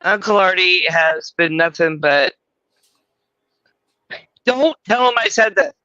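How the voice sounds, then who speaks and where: A woman's voice: lowish voice, lively intonation, slow pace, bright, forceful tone, no room sound, highs cut off. A middle-aged woman hosting a live stream, rambling in profane, self-deprecating banter. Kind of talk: casual live-stream chat.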